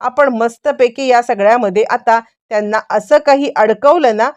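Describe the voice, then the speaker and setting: A woman's voice: on the high side, normal speed, close to an everyday voice. A woman voicing a gloating male villain. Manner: gloating, mocking. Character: boastful scheming male villain, middle-aged.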